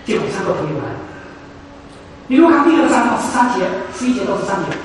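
High-voiced preacher in an echoey hall. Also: male voice, sing-song, fast talker, far from the mic, a little hiss or hum. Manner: emphatic, repeats phrases for stress. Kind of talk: sermon.

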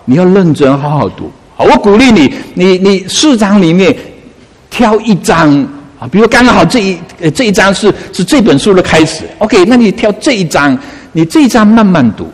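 A man preaching a sermon as pastor, coaxing and animated, often asking his listeners questions. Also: sits high, moderate pace, in a large hall.

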